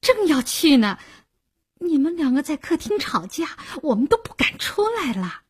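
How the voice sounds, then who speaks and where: A woman's voice: high voice, big pitch swings, moderate pace, voice pushed up. A woman doing a nosy chirpy roommate. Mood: fussy. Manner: fussy, teasing, exclamatory. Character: lively nosy young female roommate.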